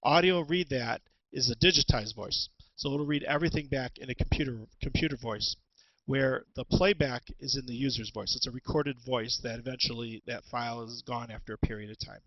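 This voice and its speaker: A man presenting an instructional webinar as a teacher, talking through tools in a halting way with many ums and restarts, on a headset. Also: medium pitch, dull audio. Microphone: headset with headphones.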